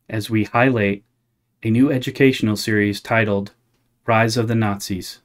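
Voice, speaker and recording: A man with a fairly low voice plays a parody news anchor. He reads scripted satirical items in the form of a straight news bulletin.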